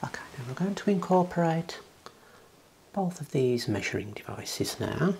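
This ASMR performer, a man in his thirties, plays an optician and whispers calm, reassuring clinical instructions at an unhurried pace. His voice is fairly high with some vocal fry, picked up by a clip-on wireless mic close on his lapel in a small indoor room. A little hiss or hum can be heard.

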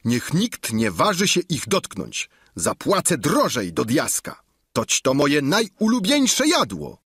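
A man voicing a boisterous, greedy peasant squire in an audiobook, loud and insistent. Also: on the high side, wildly swooping pitch, takes it slowly, slightly rough, no room sound, studio quality, voice pushed up, exaggerated voice. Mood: bossy. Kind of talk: audiobook reading.

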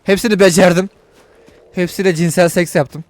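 A man giving let's-play commentary to viewers while he plays, excitable and full of crude jokes and swearing. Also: sits high, normal speed. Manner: talks to viewers while playing. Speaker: gaming video host.

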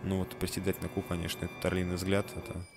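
A man's voice: low voice, monotone, fast, noisy background. A man casually commenting on a video game as he plays it, joking, swearing now and then, and reading the on-screen text aloud. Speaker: gamer playing a video game. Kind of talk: casual let's-play commentary. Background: game music.

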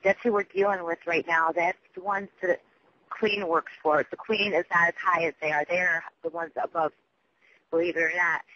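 A high-voiced man leaves a long, rambling voicemail, speaking haltingly, losing his thread and swearing along the way. His delivery is flat and his tone sharp, and the phone recording sounds dull and lo-fi.

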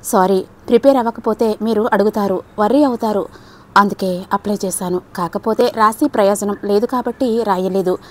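A woman voicing a gentle, shy young woman student in an audiobook story, speaking softly and hesitantly. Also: medium pitch, moderate pace, natural voice. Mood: timid. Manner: soft, hesitant, quietly reproachful.

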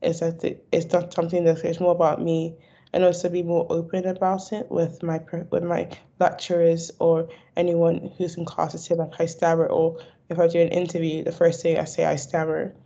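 A young woman who stammers, an advocate for stammering awareness, answers interview questions over a video call from an indoor room. Her lowish, dark, creaky voice is monotone and fairly quick, with repeated words and restarts, and the lo-fi call audio sounds dull.

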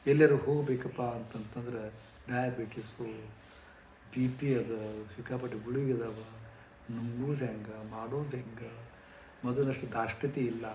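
A man putting on a lonely, worn-out old rich man with a soft, subdued, complaining way of speaking. The voice sits at an ordinary middle pitch. It echoes in a room with a faint hiss behind it. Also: natural voice. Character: weary lonely older rich retired man.

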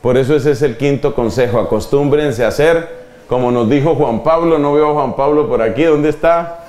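A man preaching a lively sermon to a live audience, shifting his pitch for emphasis. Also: normal speed. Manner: animated, shifting pitch for emphasis and quoted children. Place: large hall at a church retreat. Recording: echoey hall.

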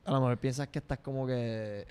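A young man with a Puerto Rican accent, throwing in quick, joking remarks in casual podcast chat. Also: mid-range voice, fairly even intonation, dark tone, clean tone. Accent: Puerto Rican Spanish. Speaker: podcast co-host.

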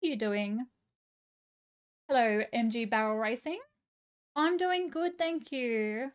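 A woman live streamer chatting casually and gushing as she reads chat aloud. Her voice is going a little hoarse. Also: on the high side, takes it slowly.

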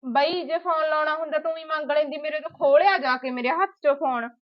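A woman's voice: sits high, quick pace, a crowd in the background, close to an everyday voice. A woman with a Punjabi accent playing a stubborn, argumentative young sister in a family drama. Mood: complaining. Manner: argumentative, insistent. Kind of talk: amateur short-film acting. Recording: dull lo-fi sound.

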